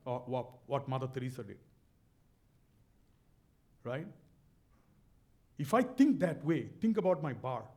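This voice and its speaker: A middle-aged Bangladeshi-accented man giving a stage talk shares a motivational story, his voice a little high with a darkish tone. His manner is earnest and emphatic, with frequent repetition of words.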